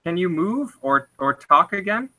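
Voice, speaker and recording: A man with a high, very bright voice, playing a tabletop game over a glitchy video call. He talks hesitantly and politely, with many restarts. The connection keeps cutting out. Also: sing-song, measured pace. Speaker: player. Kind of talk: casual tabletop game play.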